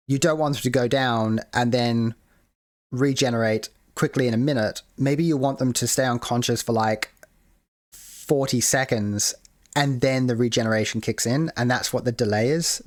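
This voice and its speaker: A man's voice: mid-range voice, dry recording, studio quality. A man hosting a casual screen-share tutorial on building a game mode, rambling with many fillers and restarts. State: hiccuping. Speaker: game modding tutorial host.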